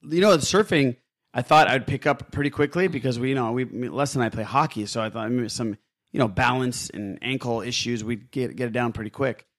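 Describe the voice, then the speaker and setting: A man with a mid-pitched voice hosts a podcast in a casual, joking way. He talks informally and repeats phrases for emphasis, recorded close and dry. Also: a little fast, fairly bright tone, dry recording. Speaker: podcast host. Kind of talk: casual chat.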